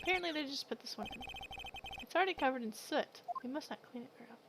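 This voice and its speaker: A woman streaming a game, giving quiet, soft-spoken casual commentary. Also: sits high, animated, racing, background noise.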